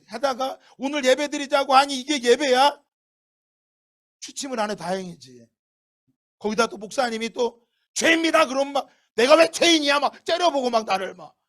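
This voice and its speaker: A middle-aged male pastor preaching a sermon in a lively way, breaking into shouts and acting out quotes. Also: very high voice.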